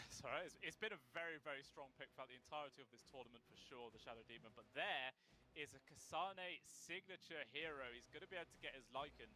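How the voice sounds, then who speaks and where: A man casting an esports draft, relaxed and quick to laugh in banter. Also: on the high side. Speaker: esports caster. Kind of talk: casual draft commentary.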